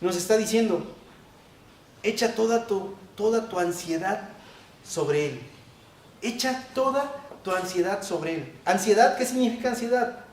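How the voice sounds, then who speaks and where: A male pastor preaching a sermon, repeating key phrases and swinging between loud emphasis and quiet asides. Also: high voice, unhurried, long pauses, a little hiss or hum. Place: church hall. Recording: echoey church hall, distant mic.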